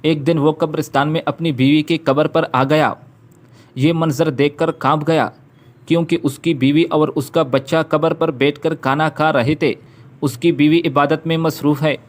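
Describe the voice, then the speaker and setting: A man's voice: fairly high pitch, fairly even intonation. A man telling an emotional, dramatic story as a storyteller, reading the characters' lines within his narration.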